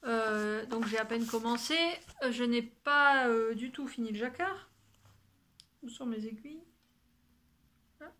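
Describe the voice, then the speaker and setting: A woman talks casually through her sewing and knitting projects, rambling as she goes and swearing lightly now and then. Her voice sits a little high and sounds bright and forceful. She sometimes drops into a quiet whisper. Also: unhurried, long pauses. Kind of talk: casual chat to camera.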